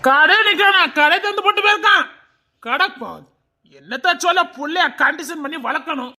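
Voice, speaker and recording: Woman playing a gruff shouting village shopkeeper man. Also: very high voice, moderate pace, heavily acted. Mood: scolding. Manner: scolding, shouting. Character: gruff middle-aged male village shopkeeper. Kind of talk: village comedy-drama acting.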